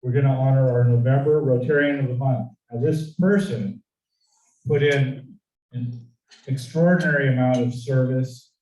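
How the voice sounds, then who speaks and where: A man's voice: mid-range voice, mellow. Man running a club meeting from afar. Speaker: meeting presiding officer. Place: meeting room. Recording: roomy, distant with faint noise.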